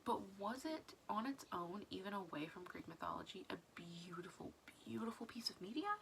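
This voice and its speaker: A woman's voice: medium pitch, animated, normal speed, gravelly, fairly bright tone, slight background noise. A woman vlogging casually, rambling through questions in a chatty way with many half-whispered asides. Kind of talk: casual video diary chat.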